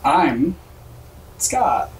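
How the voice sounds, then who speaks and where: A man's voice: a little high, big pitch swings, very slow. A man co-hosting a podcast in casual chat, his voice muffled as if underwater by a poor camera microphone. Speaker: podcast co-host. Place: room, recorded far from a camera microphone. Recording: distant camera mic, roomy, noisy, underwater sound.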